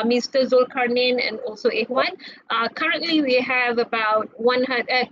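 Higher-pitched woman, cheerful, laughs between phrases, dull lo-fi audio, faint background noise. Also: a bit bright. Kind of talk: introductions in an online meeting.

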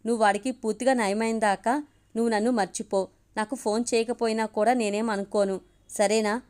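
A woman voicing a caring young woman in a storybook reading, gentle and soothing in manner. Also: on the high side, brisk, close to an everyday voice.

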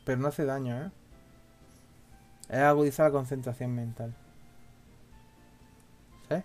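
A man's voice: mid-range voice, fairly even intonation, unhurried, a little mellow, soft background music. A man casually chatting during a video game session, laughing often and checking choices with his partner. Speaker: let's play co-host. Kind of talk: casual gaming chat.

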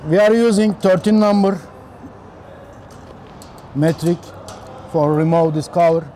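A man in his thirties on a factory floor, explaining machine installation step by step in halting, simple phrasing. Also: a little high, dark tone, a little hiss or hum. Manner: halting non-native phrasing, slow and step-by-step. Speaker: technician demonstrating machine installation. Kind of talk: instructional walkthrough.

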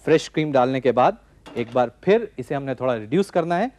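A man in his forties hosting a TV cooking show, calmly explaining a recipe step by step from a studio kitchen set. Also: medium pitch, a little fast. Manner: calm step-by-step instructing. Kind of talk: cooking demonstration.

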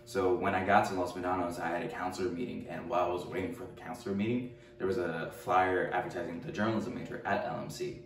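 Low, flat-voiced young man, roomy far mic. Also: quick pace. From Richmond, California. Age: 20s. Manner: hesitant, many fillers and restarts. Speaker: documentary interviewee. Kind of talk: casual interview answers. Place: room at home, seated. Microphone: far camera mic. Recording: roomy echo, distant mic, faint hum.

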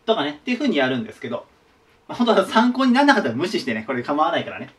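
High, lively-voiced man teaching. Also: racing. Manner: chatty, shares his own memory tricks. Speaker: online tutor. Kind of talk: casual whiteboard lesson. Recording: voice a bit distant from the mic.

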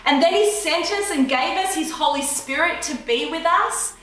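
A woman's voice: high voice, lively intonation, normal speed, fairly bright tone, slight background noise. A woman co-preaching a sermon, earnestly reading scripture aloud. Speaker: pastor's wife co-preaching. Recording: echoey room, voice from far off.

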